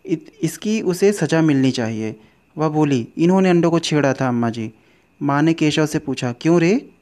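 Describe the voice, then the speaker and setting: A man's voice: a little high, animated, moderate pace, a little mellow. A man teaching a class, retelling a story and stopping to explain words, with fillers and restarts.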